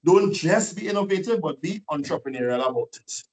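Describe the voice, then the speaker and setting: A man giving a lively, preachy motivational webinar talk full of rhetorical questions, over a video call. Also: on the high side, fairly quick, recorded from a distance, low-quality recording. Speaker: guest speaker.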